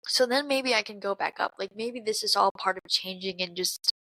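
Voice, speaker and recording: A woman's voice: medium pitch, moderate pace, pushed and bright, no room sound, low-quality recording. A woman in her early twenties hosting a podcast, talking candidly and profanely in a casual confessional monologue, sounding congested from crying. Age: 20s. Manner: candid and profane, frequent fillers and slang. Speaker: podcast host.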